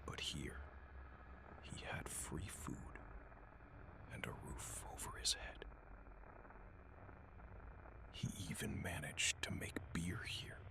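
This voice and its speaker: A man telling a scary bedtime story in whispered narration, slow and hushed. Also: a bass voice.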